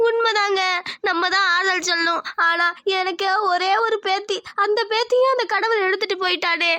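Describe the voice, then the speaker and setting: A heartbroken old grandmother from a cartoon drama, voiced by a woman, wailing and lamenting. Her voice sits very high and bright. The recording is dry and close. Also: normal speed, dry recording. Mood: grieving. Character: elderly grieving grandmother, lamenting village matriarch. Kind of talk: Tamil cartoon drama voice acting.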